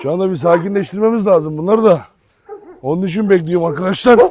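A man's voice: high voice, fast talker. A man talking casually to his viewers outdoors while giving firm commands to his dogs and calling them pet names. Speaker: dog owner and vlogger. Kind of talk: casual vlog commentary to viewers. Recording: loud barking dogs and outdoor noise. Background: dogs barking.

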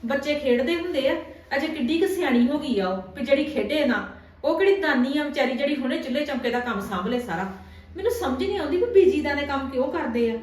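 A woman playing a high-voiced young wife. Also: expressive, fast talker, darkish tone. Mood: worried. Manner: pleading, then argumentative. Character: young wife standing up to her mother-in-law. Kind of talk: amateur family drama skit. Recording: very echoey room, from far off.

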